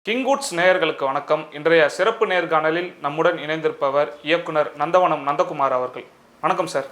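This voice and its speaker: A man with a Tamil accent hosts an interview, and his voice sits slightly high. He probes with short repeated questions and often laughs at the answers. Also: a little fast, fairly bright tone. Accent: Tamil Nadu.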